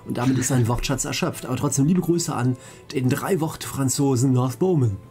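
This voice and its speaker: A man's voice: mid-range voice, moderate pace, dark tone, faint music behind. A man hosting a let's play, casually commentating and joking while reading out chat questions.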